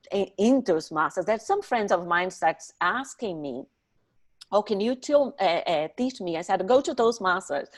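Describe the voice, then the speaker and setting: A middle-aged woman whose first language isn't English appears as a guest in a conversational podcast interview. She speaks English expressively and emphatically in a mid-range voice.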